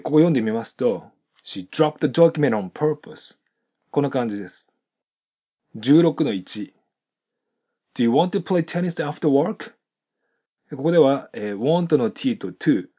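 A man teaching English pronunciation from a textbook, reading example sentences slowly and explaining how the sounds link. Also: medium pitch, mellow, slightly rough.

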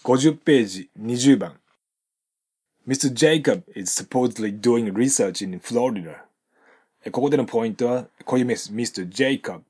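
Husky Japanese man teaching English pronunciation. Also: medium pitch, a little mellow. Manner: reads English example sentences slowly, then explains sound linking. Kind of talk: pronunciation lesson with model sentences.

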